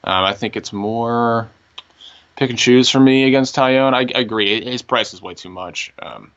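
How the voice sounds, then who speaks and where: A man co-hosting a casual fantasy baseball podcast, talking through picks in a relaxed way, thinking aloud with fillers. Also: mid-range voice, normal speed. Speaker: fantasy baseball analyst co-host. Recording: dull lo-fi audio.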